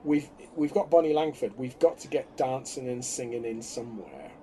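A man's voice: mid-range voice, lively intonation, moderate pace, dark tone, slight background noise. A man co-hosting a podcast in casual chat, sardonic and exasperated. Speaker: podcast co-host.

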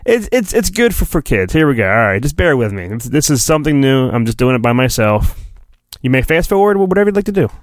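A middle-aged solo podcaster talks fast at a medium pitch with big swings in intonation, recorded without echo. His chat is casual and rambling, mixed with joking, self-deprecating, mock-dramatic storybook reading.

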